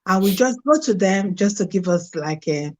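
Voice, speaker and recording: In a dull, lo-fi recording, a middle-aged Nigerian-accented woman from Nigeria talks animatedly at normal speed with a medium-pitched voice, openly recounting her life story as an interview guest.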